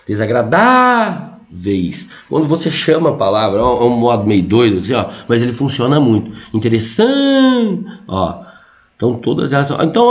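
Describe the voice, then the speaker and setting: Brazilian guy teaching exam prep, chatty and thinking out loud, voice jumps around a lot. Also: mid-range voice. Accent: Brazilian Portuguese. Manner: chatty, thinks aloud, many "tá?" and "ó" asides. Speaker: Portuguese teacher for civil service exams. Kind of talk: casual exam-prep lesson.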